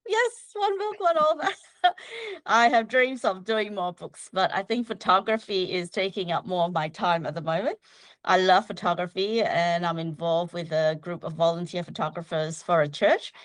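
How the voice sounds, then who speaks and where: A woman's voice: on the low side, no echo. A woman from Malaysia, a guest on a casual livestream interview, talking chattily and laughing often. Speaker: guest local guide.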